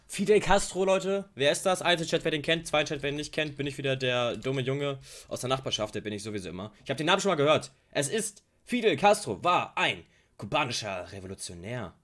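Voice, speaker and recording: A man hosting a casual reaction video to a rap track, full of slang, jumping between loud outbursts and low mutters. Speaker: YouTube reaction host.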